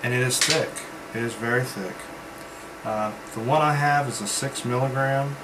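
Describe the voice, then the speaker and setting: A man giving a casual vlog-style product review, rambling and halting, pausing often as he goes. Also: mid-range voice. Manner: rambling, halting delivery with pauses as he tastes. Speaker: vape reviewer. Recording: steady background hum, like air conditioning.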